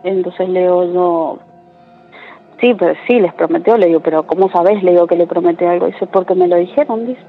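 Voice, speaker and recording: A woman's voice: fairly low pitch, brisk, faint music behind. A woman, a caller telling a true story in a chatty way with lots of tag questions. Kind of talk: casual storytelling. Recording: tinny phone line with faint noise.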